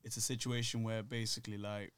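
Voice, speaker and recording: A man's voice: fairly low pitch, level tone, fast, smooth. A man with a British urban street accent, talking casually on a podcast in a rambling, repetitive, slangy way. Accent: British urban street (MLE).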